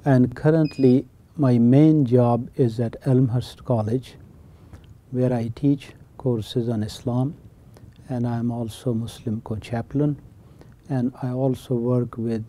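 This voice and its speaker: A middle-aged Pakistani man, a college teacher and chaplain, earnestly explains ideas in an interview, repeating key phrases in his Pakistani accent. His mid-range voice is steady and dark, and he takes his time. There's slight background noise.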